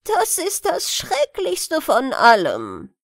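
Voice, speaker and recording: Lady reading a sad little dying beetle in a storybook, slow, sing-song, begging. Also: sits high, huge pitch swings, no echo, studio quality, pitched above the performer's own voice, full character voice. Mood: mournful. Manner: lamenting, pleading. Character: dying little beetle, once a star, male, plaintive.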